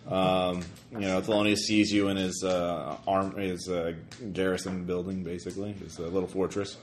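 A man speaking as game master, narrating haltingly and chatting casually, with some swearing. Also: deep voice, flat delivery. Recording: faint room noise behind.

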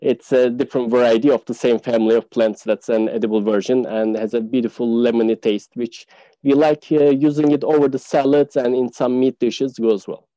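A man speaks as a guest on a casual podcast, describing local dishes and pausing often on "uh". His voice is very dark and mellow. The sound is dry and close, with little room in it. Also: mid-range voice, steady tone, no echo, poor audio. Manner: explanatory, many "uh" fillers. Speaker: tour guide guest.

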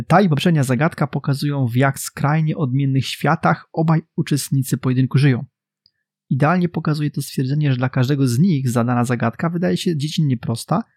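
A man co-hosting a book discussion podcast, talking in a measured, explanatory way. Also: mid-range voice, a little mellow, no echo, clean studio sound. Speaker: podcast co-host.

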